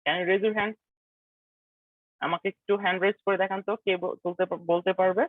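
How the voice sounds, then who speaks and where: A man's voice: sits high, flat delivery, no room sound. Man teaching pronunciation over a tinny call. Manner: drills words slowly and repeatedly, mixing English phrases in. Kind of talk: live online pronunciation lesson. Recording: tinny, dry online call audio.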